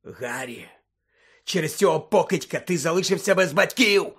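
A man reading an audiobook, voicing a vengeful male wizard who roars and rasps with contempt. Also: mid-range voice, a little slow, sharp tone. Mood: furious. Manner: roaring, hoarse, contemptuous. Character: furious vengeful male wizard, roaring and hoarse.

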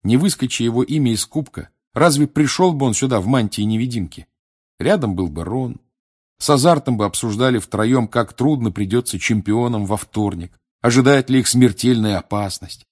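A man narrating an audiobook in a steady, expressive storytelling manner. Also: medium pitch, normal speed. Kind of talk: audiobook reading.

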